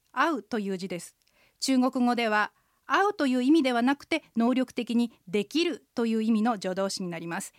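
A woman hosting a radio language lesson, explaining phrases patiently and clearly, often with a short "hai". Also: fairly high pitch, no room sound, studio quality.

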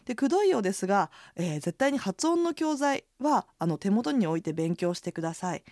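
A woman's voice: medium pitch, sing-song, brisk, mellow, no echo, studio quality. A woman from Toyama, an inn hostess co-hosting a radio language lesson, guiding the talk with comments. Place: radio studio.

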